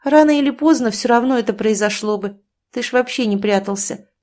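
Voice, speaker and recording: A woman's voice: a little high, brisk, a little mellow, pitched above the performer's own voice, natural voice. A woman reading an audiobook, voicing a scheming, sarcastic young woman who taunts her lover. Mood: mocking.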